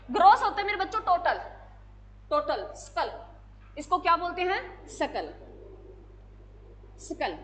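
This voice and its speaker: A woman teacher with a high voice runs an exam-prep lesson. She fires off questions and answers them herself, repeats key facts and addresses her students as "my children". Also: slight background noise. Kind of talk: exam-prep classroom lecture.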